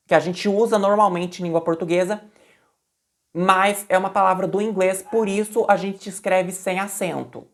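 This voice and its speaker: A woman explaining a language lesson in a conversational way, repeating example words slowly and with loud emphasis, with frequent restarts. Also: lowish voice. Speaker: Portuguese language teacher.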